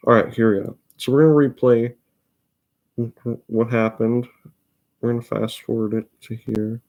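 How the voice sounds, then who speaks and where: Over race replays, a teenage racing video host, a fourteen-year-old boy with a Midwestern accent, rambles and interrupts himself in a chatty way. The male voice is mid-range, level and unhurried, slightly mellow with vocal fry and long pauses, and the audio is poor.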